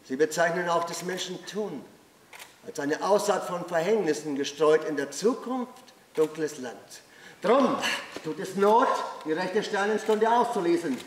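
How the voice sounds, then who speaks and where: A solemn commander muses on fate in theatrical, declamatory verse, acted by a man. The high voice carries from far off across an echoing open-air stage. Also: lively intonation, a little slow. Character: solemn fateful commander musing on stars. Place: outdoor stone courtyard stage. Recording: distant, echoey courtyard with faint noise.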